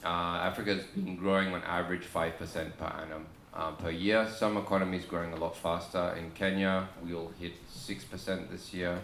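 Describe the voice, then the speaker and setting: Deep-voiced Australian man at a panel. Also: a little hiss or hum. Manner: relaxed, halting with many ums and restarts. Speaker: panel speaker. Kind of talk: conference panel talk. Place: conference room. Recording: echoey conference room with faint ambience.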